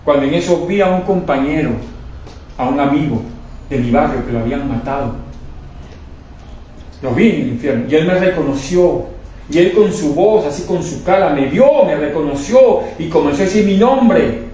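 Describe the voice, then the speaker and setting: A fervent man tells a religious testimony with feeling, circling back over his words and restarting his phrases. His voice sits a little high for a man. It carries from well away from the microphone across a very echoey room, with a faint hiss underneath. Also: lively intonation, moderate pace, dark tone. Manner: fervent, repetitive, stumbling restarts. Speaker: testimony speaker. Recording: echoey room, distant mic, faint noise.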